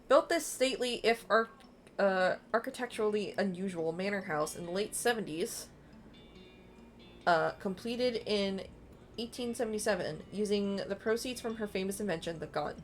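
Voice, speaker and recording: A woman's voice: mid-range voice, moderate pace. A woman casually playing through a game, reading its text aloud and dropping in offhand asides. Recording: clear background noise.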